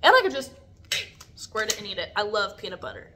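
A woman's voice: medium pitch, very animated, fairly quick, bright, forceful tone, slight background noise. A young woman vlogging casually, chatty and blunt, swearing freely as she talks. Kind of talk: casual packing vlog.

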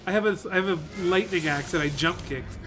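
A man's voice: sits high, fairly quick. A man co-hosting a game playthrough, jokey and giggly, tossing in silly voices. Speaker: let's play co-host. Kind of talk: casual gameplay commentary.

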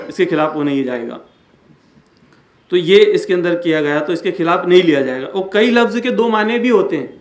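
A man delivers a religious lecture in a fairly high voice. He explains patiently, circling back over each point and slowing down to recite Arabic verses. The recording has a roomy echo around him. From India. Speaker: Islamic speaker and founder of an education center. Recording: echoey room.

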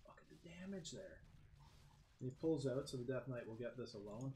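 Man casting a strategy game match. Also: normal speed. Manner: lively play-by-play, excitable with sudden pitch jumps. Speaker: game caster. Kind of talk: esports commentary. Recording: echoey room with faint background noise.

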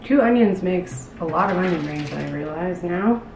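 This cooking show host has a low voice with lively intonation, chatting in a loose, halting way and saying "like" a lot as she demonstrates a dish. The small tiled kitchen is noisy, and the distant mic makes the sound roomy.

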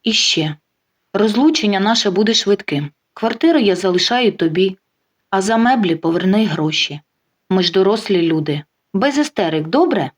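A woman's voice: mid-range voice, animated, normal speed, natural voice. A smug, blustering husband in an audio story, voiced by a woman narrator. He talks big and sure of himself, then turns flustered and pleading when cornered. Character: self-assured middle-aged man leaving his wife.

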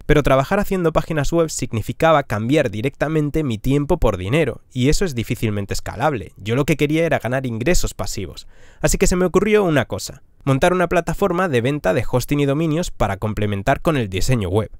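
A man, a travel vlogger telling his own story in a punchy, lively way with rhetorical questions, recorded in a small camper van on a stand mic. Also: medium pitch, brisk, dry recording, clean studio sound. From Spain. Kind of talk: storytelling monologue. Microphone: podcast mic on a stand.

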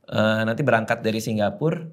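A man hosting a casual reaction chat, tossing out wry, incredulous asides and quick rhetorical questions. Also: fairly low pitch. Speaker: host reacting to a video.

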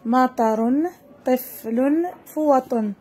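A woman with a Moroccan accent teaching a first-grade lesson, drawing words out slowly for young children to repeat. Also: sits high, dark tone, a little hiss or hum. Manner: slow, drawn-out word modelling for children.

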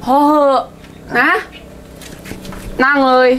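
A young woman playing a bored village girl who dreams of singing on a big stage, talking in a whiny, complaining way. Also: drawn-out words. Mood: determined. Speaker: aspiring singer from the countryside. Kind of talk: short drama acting. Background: loud music.

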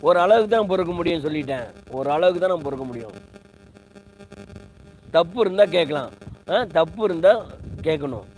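A man's voice: on the high side, a little fast, pauses often, a little mellow, a little hiss or hum, poor audio. Indignant man ranting on a livestream. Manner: indignant, repetitive, rhetorical questions. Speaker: live streamer. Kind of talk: heated livestream rant.

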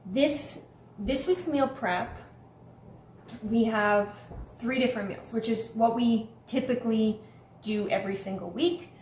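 A woman's voice: fairly high pitch, a little slow, darkish tone, a little hiss or hum. A woman in her thirties chatting to camera at home about her day, upbeat and talkative. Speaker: vlogger. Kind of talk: casual vlog chat to camera. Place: home kitchen and living room indoors. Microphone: camera on a stand in front of her. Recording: echoey home room.

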